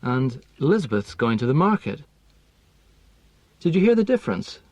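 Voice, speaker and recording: A man delivers a scripted lesson on speech and intonation at a steady, precise pace, in a mid-range voice. The recording is dry and close, with no room echo. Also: medium pitch. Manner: measured, precise, explanatory. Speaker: language teaching expert.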